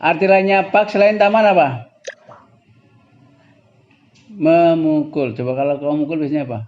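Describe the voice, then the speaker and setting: A slightly high, animated male voice, with the top frequencies cut off, teaches English pronunciation to a class. He goes slowly and patiently, moves back and forth between two languages, and chuckles from time to time.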